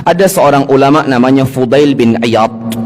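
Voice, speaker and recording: A man's voice: mid-range voice, big-room sound. A man in his late twenties with a Javanese accent, preaching a sermon to a live congregation, drawing out his words and joking with the audience. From Indonesia. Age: 20s. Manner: slow, drawn-out emphasis, rising sharply on Arabic quotations; jokes with the audience.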